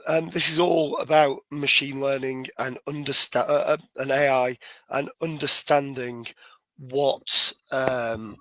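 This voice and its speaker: A man co-hosts a podcast in a croaky voice left hoarse by a cold. His pitch is mid-range and the sound is dry. He talks casually and often halts to rephrase as he explains. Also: fairly even intonation, unhurried, bright, forceful tone, dry recording. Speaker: podcast co-host.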